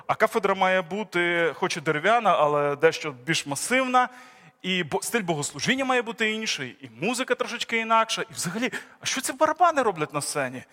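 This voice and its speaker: A man's voice: high voice, bright, forceful tone. A man preaching a sermon as pastor, with an emphatic delivery that swings up and down. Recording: long reverb of a church hall.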